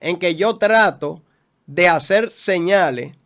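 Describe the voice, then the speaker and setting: A man's voice: sits high, slow pace, fairly bright tone. A man, a guest pastor teaching in a preaching style, emphatic, with rhetorical questions and repeated phrases.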